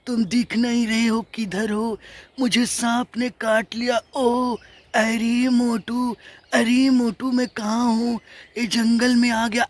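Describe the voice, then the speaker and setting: A man's voice: extremely high pitch, exaggerated voice. A man voicing a skinny young male cartoon sidekick who keeps calling his friend's name in a plaintive drawl. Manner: calls the same name over and over in a plaintive drawl.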